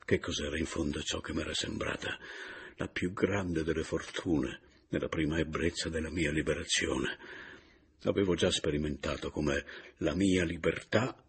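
A man reading a novel aloud in a measured, reflective way. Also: very deep voice, steady tone, husky. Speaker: narrator.

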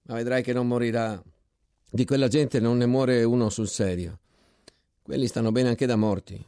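A man's voice: medium pitch, fairly even intonation, moderate pace, warm tone, no echo, clean studio sound, lightly acted. A man voicing a bitter, war-weary soldier in a trench, muttering grimly and resentfully during a dramatic novel reading.

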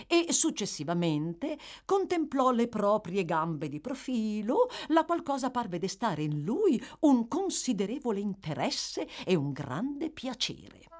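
A woman narrates a classic novel in a measured, expressive storytelling voice. Her pace is unhurried and her pitch moves widely as she follows the story. Her voice sits at a middle pitch. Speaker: audiobook reader. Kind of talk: literary audiobook narration.

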